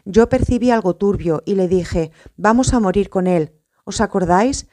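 Woman voicing a forceful scheming apostle man, storybook reading, mellow tone. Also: medium pitch, normal speed, natural voice. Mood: urgent. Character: bold, scheming adult male apostle.

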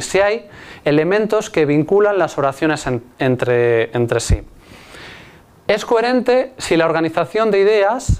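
A man's voice: sits high, clean tone. A man lecturing on linguistics, explaining step by step with frequent restarts and rhetorical checks to his students.

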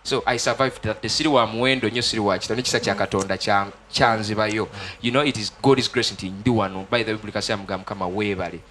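Fast-talking Ugandan man telling his testimony. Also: fairly low pitch, fairly bright tone. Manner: earnest, fast-talking, mixes Luganda and English. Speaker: gospel musician guest. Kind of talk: studio interview, personal testimony. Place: TV studio. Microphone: handheld mic.

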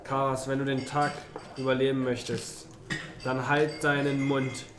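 A man's voice: medium pitch, flat delivery, measured pace, roomy sound. A man in tabletop roleplay as a hungover, sulky, apologetic adventurer, groaning and grumbling.

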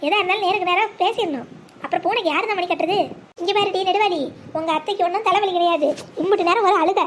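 Shrill scolding village granny. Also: female voice, slight background noise. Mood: blunt. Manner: scolding, blunt, fast-talking. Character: sharp-tongued old village grandmother. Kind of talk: Tamil cartoon voice acting.

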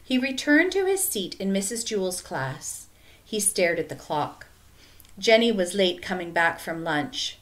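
Slow, expressive woman reading a storybook. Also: medium pitch. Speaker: audiobook narrator. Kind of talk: storybook narration.

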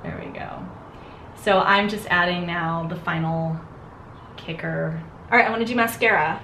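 A woman makeup artist chatting and telling stories while doing someone's makeup, giving gentle directions and laughing often. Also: lowish voice, moderate pace. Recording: echoey room with faint noise.

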